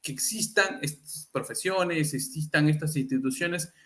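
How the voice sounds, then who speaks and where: A man's voice: on the high side, unhurried, fairly bright tone. A man hosting a casual live talk, often turning to his listeners with rhetorical questions. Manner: keeps asking the audience rhetorical questions; acts out quoted people. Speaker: livestream host.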